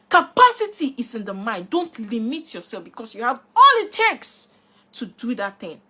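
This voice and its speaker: A woman's voice: sits high, fairly bright tone. A woman giving an emphatic motivational talk, repeating rhetorical questions to her listeners. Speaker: motivational speaker. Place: live online session, replayed.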